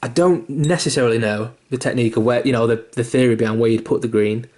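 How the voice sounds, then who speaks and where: A young man gives a casual miniature painting tutorial, rambling a little with fillers, restarts, and the occasional swear word, in a mildly self-deprecating, sweary manner while hiccuping. His medium-pitched voice has a darkish tone and fairly even intonation, and he talks fast.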